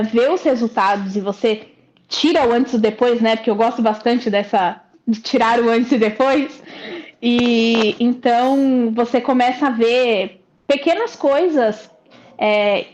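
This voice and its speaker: A woman with a Brazilian Portuguese accent, a client chatting reflectively in an interview, often pausing to find her words. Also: a little high, a little mellow. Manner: chatty, reflective, frequent hesitations. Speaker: client giving a testimonial. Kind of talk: casual interview. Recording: muffled lo-fi audio.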